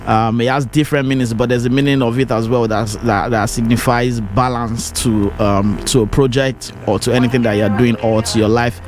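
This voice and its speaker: A man's voice: medium pitch, steady tone, brisk, hardly any pauses. A man with a Nigerian Yoruba accent interviewing a guest as host, talkative and emphatic, repeating words for weight. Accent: Nigerian Yoruba-influenced. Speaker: interviewer, music show host. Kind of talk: conversational music interview. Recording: music playing behind the voice.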